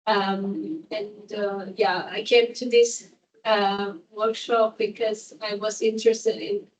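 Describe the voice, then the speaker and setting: A woman from Ecuador who is losing her voice, speaking haltingly with many fillers at a workshop. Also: medium pitch, level tone, distant mic, rough recording. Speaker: workshop participant. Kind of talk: hesitant audience remarks.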